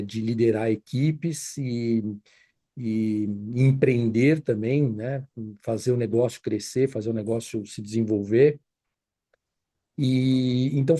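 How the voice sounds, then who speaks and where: A man's voice: mid-range voice, dark tone, no echo. A man, a consultant answering interview questions thoughtfully, with many fillers and restarts. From Brazil. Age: 50s. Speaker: guest, consultant.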